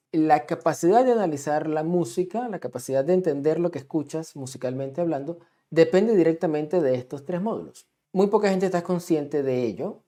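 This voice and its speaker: A man's voice: mid-range voice, warm tone. A man giving a patient, explanatory music lesson, often checking in with his listeners as he draws on a diagram. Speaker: music teacher.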